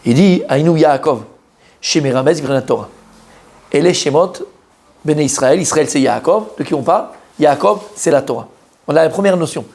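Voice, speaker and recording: A rabbi teaches a weekly Torah class to a live group in a gravelly, somewhat high voice. He is animated and emphatic, quizzes his listeners and repeats key words over and over. Each point lands with force. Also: moderate pace.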